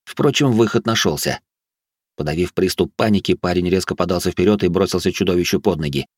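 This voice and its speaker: Deep male narrator, measured fantasy audiobook reading, dry booth. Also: breathy edge, dry recording.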